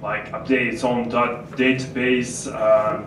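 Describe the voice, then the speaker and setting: A man's voice: mid-range voice, flat delivery, slow pace. Guy in audience asking a question, kinda hesitant, roomy and noisy, far from mic. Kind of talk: spontaneous question from the floor. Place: audience at an event venue. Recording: echoey, noisy hall from far off.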